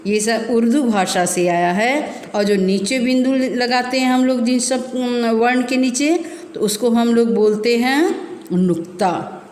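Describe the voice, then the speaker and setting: A woman teacher talks schoolchildren through a grammar lesson at an unhurried pace, going back over each term. Her voice sits a little high. The recording is roomy, with a long reverb trailing her words. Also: a little mellow. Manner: slow explaining, repeats terms, addresses children. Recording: echoey room with long reverb.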